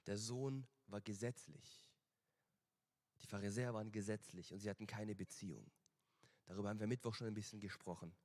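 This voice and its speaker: A man preaching a church sermon, swinging between loud appeals and quiet, slowed lines. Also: on the low side, steady tone, long reverb tail.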